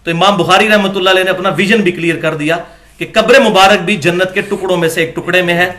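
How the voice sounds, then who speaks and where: A man's voice: high-pitched, fairly even intonation, pushed and bright. A man giving a religious lecture, reading from books and arguing his points with emphatic peaks. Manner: argumentative, rising to emphatic peaks.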